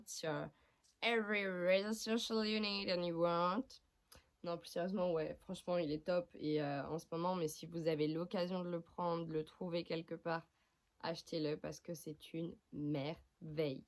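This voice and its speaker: Filming on a handheld phone with no tripod, a young woman vlogs from her bedroom at night, chatting to camera about her skincare routine. Her voice sits on the low side with a darkish tone, and she's frank, chatty and self-deprecating, now and then slipping into a whisper.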